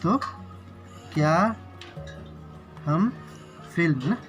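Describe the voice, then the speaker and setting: A man teaching basic English grammar in Hindi, explaining each example slowly and repeating "ठीक है" after each one. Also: a little high, expressive, soft background music.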